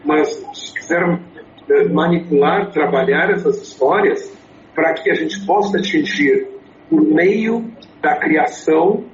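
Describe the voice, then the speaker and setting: A native English speaker in his sixties, with a slightly high voice and measured pace, answers interview questions about his storytelling consulting, full of fillers and restarts. The recording is echoey, dull, and a bit noisy.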